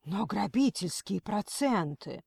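A woman's voice: mid-range voice, animated, slow, vocal fry, a little mellow, breathy edge, dry recording, clean studio sound, exaggerated voice. A woman voicing a frightened yet firm middle-aged mother arguing with a kidnapper. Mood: agitated. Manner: agitated, firm. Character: frantic but stubborn middle-aged mother.

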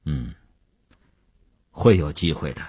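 A man voicing a powerful middle-aged company chairman in an audiobook, speaking in a measured, unhurried way with a husky voice. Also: very deep voice, animated, a little mellow, voice pushed down, heavily acted.

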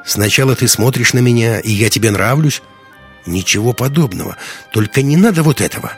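A man reading an audiobook voices a prickly, defensive young man who answers curtly and snaps back, pitched a little higher than his own voice. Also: animated, fairly quick, soft background music, close to an everyday voice. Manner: curt, snapping, defensive.

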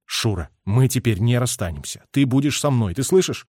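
A man's voice: mid-range voice, expressive, normal speed, darkish tone, husky, no echo, clean studio sound. A man voicing a young male army officer who calls out urgently and speaks with feeling. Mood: tender. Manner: calling out urgently.

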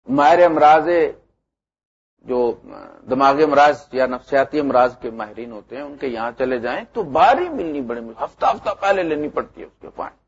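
A middle-aged man preaching a sermon, animated, with loud emphatic lines that drop to low asides. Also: breathy edge. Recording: muffled lo-fi lecture recording.

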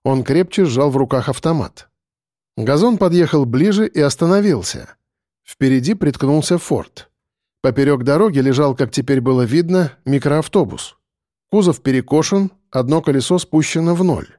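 Dark-toned male audiobook narrator. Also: a little high, no room sound, studio quality. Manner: steady, measured reading.

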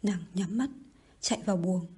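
A woman narrating an audiobook in a soft, at times whispery delivery. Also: fairly low pitch, normal speed, husky.

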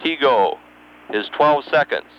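Slow, clear man on dull mission radio. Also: medium pitch, expressive. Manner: methodical, digit-by-digit reading with pauses. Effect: radio transmission. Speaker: mission control capsule communicator. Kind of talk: procedural radio read-up of figures. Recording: dull, band-limited mission radio channel.

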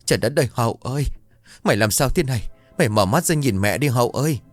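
Frantic grieving mother, wailing and rushed, as a male narrator puts her on. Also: mid-range voice, expressive, no room sound, faint music behind, close to an everyday voice.

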